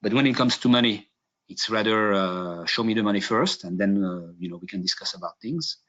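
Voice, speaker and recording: A man from Hungary giving a business webinar presentation, halting, with many fillers and restarts. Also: fairly low pitch, a bit bright. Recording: dull lo-fi webinar audio.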